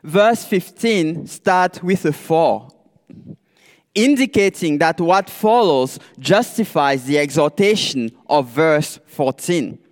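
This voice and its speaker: A man preaching a sermon as a ministerial candidate, speaking deliberately and posing rhetorical questions to the congregation. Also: high voice, big-room sound.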